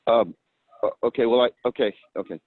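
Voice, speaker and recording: A man's voice: mid-range voice, a little fast, husky, no room sound. Hesitant man on a tinny phone line. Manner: hesitant, stammering, repeats words. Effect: heard over a phone line. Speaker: defendant in a remote court hearing. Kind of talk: casual speech addressing a judge.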